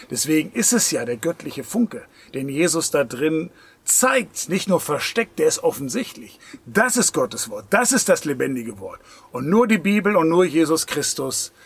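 A man preaching a sermon in an earnest, insistent way, swinging between loud emphatic lines and hushed near-whispers. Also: mid-range voice, gravelly, husky.

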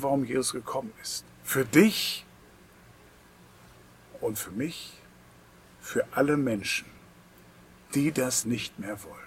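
A man preaching a sermon, addressing the listener directly, moving between strong emphasis and soft, near-whispered passages. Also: mid-range voice, slightly rough. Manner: dynamic, swings from loud emphasis to hushed near-whisper; intimate, speaks directly to the listener.

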